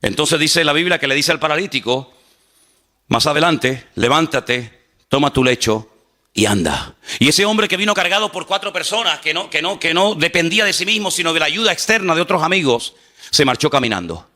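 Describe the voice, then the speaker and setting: A male pastor preaching a sermon in an animated way, acting out quotes and joking with his congregation. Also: fairly high pitch, brisk.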